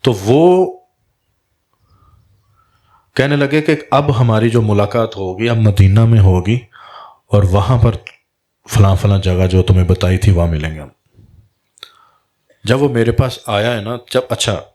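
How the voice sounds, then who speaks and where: A man's voice: fairly low pitch, a little mellow. A man, a Sufi spiritual guide, telling a story in a religious talk and acting out the dialogue in quoted voices.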